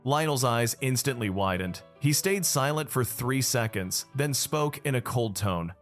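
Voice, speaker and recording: A man's voice: medium pitch, animated, a little slow, soft background music. A man narrating a dramatic story recap in the first person.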